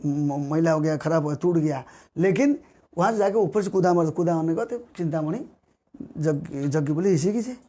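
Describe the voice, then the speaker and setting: A man preaching a devotional sermon, repeating his key words and rising in pitch on the words he stresses. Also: warm tone.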